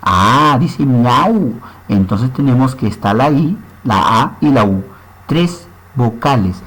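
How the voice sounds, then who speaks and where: Male teacher, slightly husky tone, lively rising-and-falling delivery, patient step-by-step explanations. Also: medium pitch, a little slow, poor audio. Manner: explains step by step, often checks understanding with short tag questions. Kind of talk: recorded grammar lesson.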